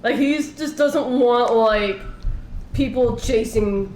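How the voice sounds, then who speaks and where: A woman's voice: fairly high pitch, slow, darkish tone. A woman playing a tabletop role-playing game, describing her character's actions in a rambling, casual way with many fillers. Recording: echoey room with faint noise.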